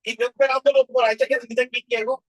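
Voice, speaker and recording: Male preacher, husky voice, emotional testimony storytelling, rhetorical questions. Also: very high voice, flat delivery, quick pace, fairly bright tone, no echo, rough recording. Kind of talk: personal testimony sermon.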